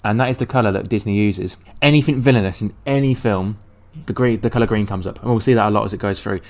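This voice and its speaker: A young man co-hosting a casual film podcast. He has a fairly low voice and talks quickly, rattling off trivia in a chatty way. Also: a little mellow. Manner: fast, chatty, shares trivia. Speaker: podcast co-host. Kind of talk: casual chat.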